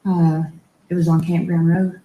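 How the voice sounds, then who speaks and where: A woman's voice: on the low side, flat delivery, a little slow, narrow, tinny audio. A woman in a courtroom recording, a witness on the stand giving terse, short answers. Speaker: trial witness. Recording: echoey courtroom audio.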